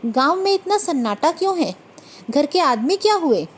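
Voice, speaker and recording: A woman's voice: high-pitched, sing-song, moderate pace, voice pushed up. A woman voicing a timid, cowardly young husband who pleads and frets. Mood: fearful. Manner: pleading, fretful.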